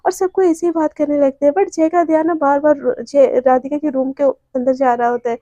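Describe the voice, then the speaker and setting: Brief: woman storyteller, high and mellow, chatty rambling retelling, dry close sound. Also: steady tone, fairly quick, dry recording. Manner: chatty retelling with frequent fillers. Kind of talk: casual story narration.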